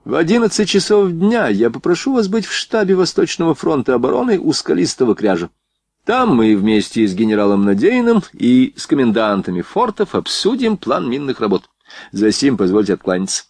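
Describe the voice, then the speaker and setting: A courteous, formal officer, read by a man, apologizing with old-fashioned politeness. He speaks with a slight burr, in a lively, rising voice on a dry, close recording. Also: mid-range voice, brisk, no room sound, voice pushed up. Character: courteous older male engineer officer.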